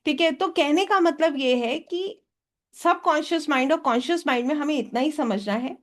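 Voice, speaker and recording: A high-pitched woman leads a hypnotherapy workshop in an engaged lecturing tone. She keeps turning to the audience with quick yes-or-no questions and slips English phrases into her explanations. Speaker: hypnotherapy teacher.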